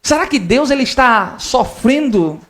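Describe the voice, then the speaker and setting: A man preaching from the pulpit with heartfelt intensity. He talks straight to his listeners, calling them brother. His voice climbs loud when he makes his appeals. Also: very high-pitched, lively intonation, a little slow. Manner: emotional preaching, swells loud on appeals, addresses "irmão". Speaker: pastor. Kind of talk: sermon. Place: church.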